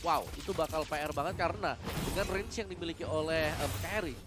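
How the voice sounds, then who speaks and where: A man's voice: a little high, quick pace. An Indonesian man giving analytical commentary on a live esports match. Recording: very loud music behind the voice. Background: very loud music.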